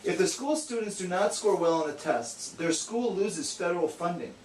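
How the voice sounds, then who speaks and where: A man's voice: high-pitched, expressive, moderate pace, a little mellow. A man giving an earnest, matter-of-fact scripted educational explanation as the straight man of a puppet show. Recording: echoey, distant, faint noise.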